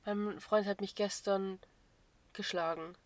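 A woman's voice: mid-range voice, steady tone, takes it slowly, no echo. Woman podcaster, dry close sound. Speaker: podcast co-host. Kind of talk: casual podcast chat.

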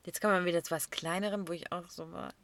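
A woman, chatting casually as a podcast co-host and telling animated stories with lots of laughter. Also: on the low side, fast, creaky. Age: 20s. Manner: animated storytelling, laughs often. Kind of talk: casual chat.

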